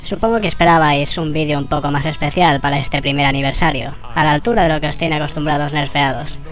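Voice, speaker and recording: A channel host with a Spain Spanish accent, voice sped up like a tape on fast forward, giving a sarcastic, swear-laden anniversary monologue. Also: mid-range voice, fairly even intonation, a bit bright, soft background music. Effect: sped-up squirrel voice, like a tape on fast forward.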